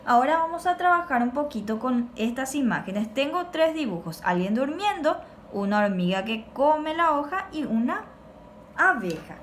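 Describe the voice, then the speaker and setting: A woman teaching a recorded lesson, speaking slowly and clearly and repeating words for pupils to copy. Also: high-pitched, sing-song, a little hiss or hum. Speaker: Guaraní teacher.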